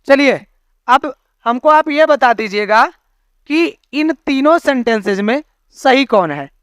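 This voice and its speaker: An extremely high-pitched male voice speaks slowly and expressively, with a slightly bright, clear, resonant tone and no echo. He's teaching a classroom of students, using homely analogies and checking understanding with questions, recorded with dry, close sound.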